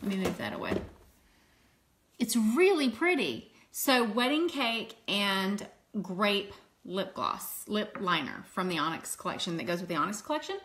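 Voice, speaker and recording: Seated at a table indoors, this Louisiana makeup seller in her fifties chats casually with her livestream viewers, welcoming them and laughing readily in a mild Southern accent. Her mid-range voice has lively intonation, a measured pace and a fairly bright tone. She's captured close up on a phone camera.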